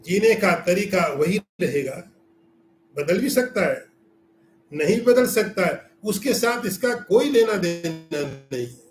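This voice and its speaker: A man's voice: high voice, expressive, takes it slowly, echoey room, faint music behind. A man giving a scriptural lecture as a spiritual teacher, explaining with everyday examples and asking rhetorical questions.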